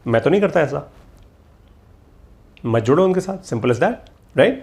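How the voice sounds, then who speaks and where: A man's voice: fairly high pitch, lively intonation, a little slow, gravelly, darkish tone. Emphatic man giving a motivational talk. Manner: emphatic, repeats key lines, mixes English phrases. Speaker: motivational course instructor.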